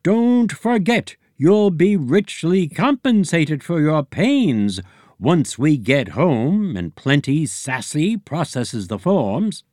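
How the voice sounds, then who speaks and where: A man's voice: fairly high pitch, big pitch swings, slow, darkish tone, no room sound, studio quality, pitched above the performer's own voice. A man reading a story, voicing a pompous, bossy male egg-alien leader who bellows his orders. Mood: bellowing. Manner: bellowing, blustering. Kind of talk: audiobook character voice.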